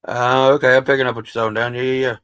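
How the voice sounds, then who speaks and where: Talking very fast with little pitch movement, a livestream host chats casually with his viewers in a rambling, profane way. His mid-range voice is clean with a fairly bright tone, and he describes it as soothing. The recording is dry.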